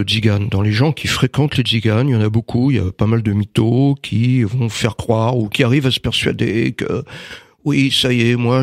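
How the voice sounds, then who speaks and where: In a dry, clean studio recording, a man of medium pitch is interviewed in casual conversation. He's a writer and magnetizer, and he speaks hesitantly, with many fillers and restarts.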